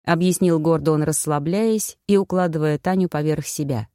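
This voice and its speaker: Low-voiced woman reading an audiobook. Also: moderate pace, warm tone, no echo, studio quality. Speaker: audiobook narrator. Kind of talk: scripted narration.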